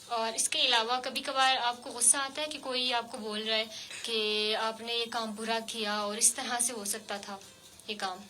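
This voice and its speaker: A woman hosting a radio show, interviewing a child guest with gentle, coaxing questions full of fillers. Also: on the high side, steady tone. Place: radio studio.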